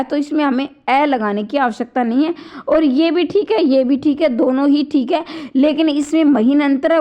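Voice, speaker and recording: Woman grammar tutor, high voice, slightly sore throat, patient step-by-step explaining, dull lo-fi sound. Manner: explains step by step, repeats sounds aloud to demonstrate. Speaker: Hindi grammar teacher. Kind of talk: online exam-prep lecture.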